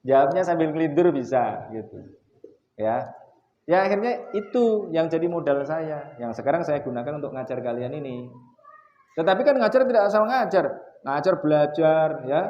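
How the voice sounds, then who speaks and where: A middle-aged man, lecturing his students in a casual, animated way. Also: on the high side, slight background noise. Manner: animated storytelling, acts out quotes loudly. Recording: echoey, slightly dull room recording.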